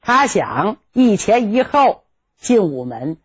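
A woman performing a traditional story with a lively, dramatic delivery. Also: mid-range voice, slow, background noise. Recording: dull lo-fi recording.

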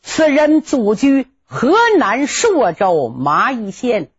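A woman performing a traditional story with a lively, dramatic delivery. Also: on the high side, slow pace, slightly rough. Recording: dull lo-fi recording.

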